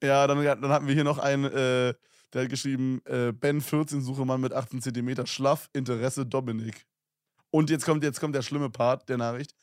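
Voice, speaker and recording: A man's voice: mid-range voice, level tone, moderate pace, no room sound, studio quality. Young man reading listener messages, slangy. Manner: slangy, laughing, reads messages aloud. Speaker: podcast co-host.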